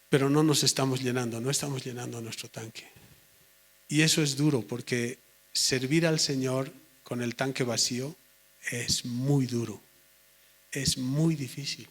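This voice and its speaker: A man preaching a sermon in an earnest way, slowing right down to stress his points. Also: medium pitch, a bit bright. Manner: earnest, slows down sharply for emphasis.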